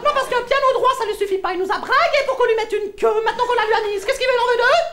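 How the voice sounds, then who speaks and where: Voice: a crowd in the background, background noise. A performer playing a fussy, gossiping middle-aged housewife, catty and melodramatic, in a one-person stage comedy. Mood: chatty. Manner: shrill, catty, melodramatic, fast-switching asides.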